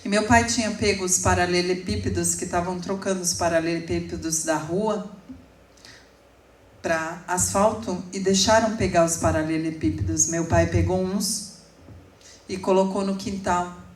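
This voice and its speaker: Woman preacher, forties, low register, emotional testimony with emphatic peaks; recorded from afar in a reverberant church. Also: steady tone. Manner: slow, emotional storytelling with sudden emphatic rises. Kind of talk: sermon testimony. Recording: echoey room, speaker far from mic.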